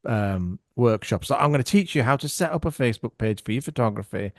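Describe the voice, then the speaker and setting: Animated man telling stories on a podcast. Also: medium pitch, a little fast, dry recording, clean studio sound. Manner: animated, acts out other people's voices. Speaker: podcast guest. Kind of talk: casual storytelling chat.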